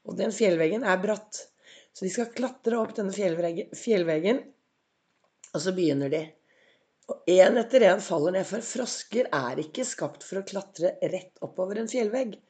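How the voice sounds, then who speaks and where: A woman hosting a motivational podcast, a little hoarse from a cold, telling stories and asking her listeners reflective questions. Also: medium pitch, lively intonation, darkish tone. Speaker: podcast host.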